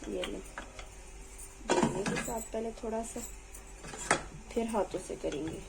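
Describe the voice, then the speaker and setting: A woman's voice: medium pitch, a little slow, creaky, heavy background noise. A young woman hosting a home cooking tutorial in her kitchen, chatting as she works and pleading with viewers to subscribe. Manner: talks while cooking, voice drops off-mic at times. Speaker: cooking channel host.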